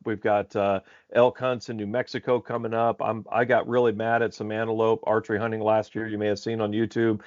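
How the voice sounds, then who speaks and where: A man's voice: fairly low pitch, a little mellow, no room sound. A man from Alaska hosting a hunting podcast, upbeat and rambling with fillers. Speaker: podcast host. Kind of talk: casual podcast interview. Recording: slightly dull lo-fi audio.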